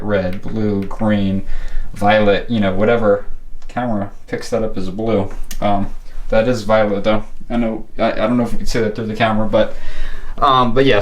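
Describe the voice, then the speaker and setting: A man giving a casual, unscripted show-and-tell vlog in a rambling, laid-back way, recorded on a camera in his room at home. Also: fairly low pitch. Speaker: vlogger showing a home tech setup. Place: bedroom at home.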